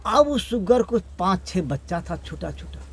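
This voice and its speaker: A man narrating a folk tale aloud, with repetitive, drawn-out phrasing. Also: high-pitched, very animated, slightly rough. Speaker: storyteller.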